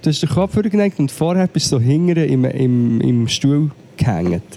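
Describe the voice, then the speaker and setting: Home sick and coughing, a Swiss German-accented man co-hosts a podcast in a casual remote-call chat, complaining about the connection. His voice sits on the high side, gravelly yet mellow, at normal speed with slight background noise.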